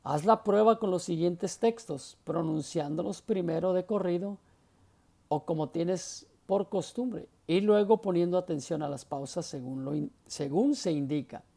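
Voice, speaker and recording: Male instructor, husky and unhurried, patient lecture tone that checks in with the class. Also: sits high, warm tone. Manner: explanatory, often checks understanding with short questions. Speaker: homiletics teacher.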